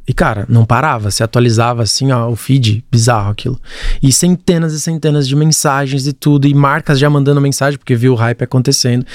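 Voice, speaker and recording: A young man from Brazil, a podcast guest, talking in a lively, chatty way. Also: medium pitch, no echo, studio quality. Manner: animated, chatty, laughs often, acts out quotes. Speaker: podcast guest, content creator. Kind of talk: casual chat.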